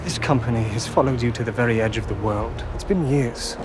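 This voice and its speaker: An actor playing a weary, wary elf soldier in a fantasy series, speaking in a formal, measured manner. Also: male voice, medium pitch, background noise. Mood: wary, firm. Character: weary, wary male elf soldier challenging his commander.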